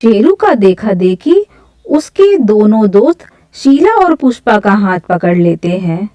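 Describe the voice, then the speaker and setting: A woman narrating a scripted horror story in a measured storytelling way. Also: medium pitch, very animated, mellow, no room sound, dull audio.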